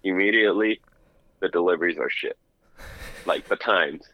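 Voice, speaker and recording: Co-host calling in over the phone: a man with a very low voice, heard dry and lo-fi, rambling and casual. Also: normal speed, no echo. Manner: rambling storyteller who restarts words. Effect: phone call played back through the studio. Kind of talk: casual podcast chat. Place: his apartment. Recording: dull lo-fi phone line.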